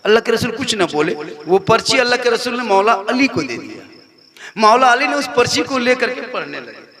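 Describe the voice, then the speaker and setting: A man preaching a devotional sermon, telling a story in rhythmic repeated lines and swinging from hushed tones to loud declamation before a live audience. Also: very high-pitched, very animated, fairly quick. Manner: repetitive rhythmic listing. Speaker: Islamic preacher. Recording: live gathering with an audible crowd.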